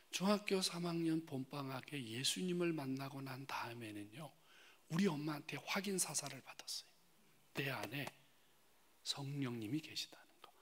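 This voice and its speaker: A male pastor delivers a testimony sermon in a church sanctuary, speaking at an ordinary middle pitch. His delivery swings from loud, pressing rises down to breathy whispered asides. He keeps turning to the congregation with direct questions. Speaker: guest pastor.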